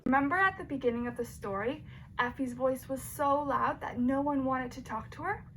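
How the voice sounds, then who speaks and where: On a rough recording with a little hiss or hum, a teacher's voice sits high and moves at normal speed. She reads a storybook to young children with expression, addressing them directly in an animated, emphatic way and putting questions to them.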